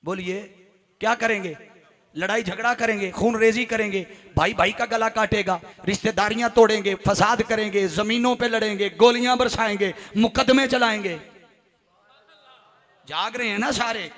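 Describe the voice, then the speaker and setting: A man with a Punjabi accent preaching a fiery devotional sermon from a stage, calling on the crowd to answer him and breaking into shouts. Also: high-pitched, moderate pace, long reverb tail. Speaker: Islamic preacher. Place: religious gathering on a stage.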